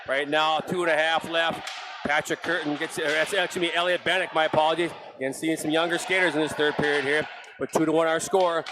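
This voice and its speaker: A middle-aged man calling live hockey play-by-play, with excitable calls that jump high on big saves. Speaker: play-by-play announcer. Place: ice arena broadcast booth. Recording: noisy arena stream.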